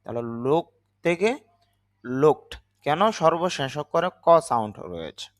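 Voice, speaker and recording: A man's voice: fairly high pitch, big pitch swings, normal speed, no echo, clean studio sound. A man with a Bangladeshi Bengali accent, an English teacher, patiently explaining grammar rules step by step.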